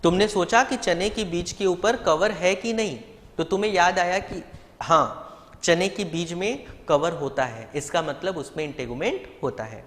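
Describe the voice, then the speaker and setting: This biology teacher has a high voice with a fairly bright tone and speaks at a measured pace, his sound carrying the feel of a big room. Teaching live online, he builds explanations step by step, asks rhetorical questions, and talks to his students affectionately and directly.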